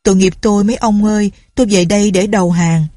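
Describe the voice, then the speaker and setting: A woman's voice: medium pitch, steady tone, quick pace, dark tone, dry recording, clean studio sound, lightly acted. A woman voicing a frightened older village man who pleads and protests in a raised voice. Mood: pleading. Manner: pleading, plaintive.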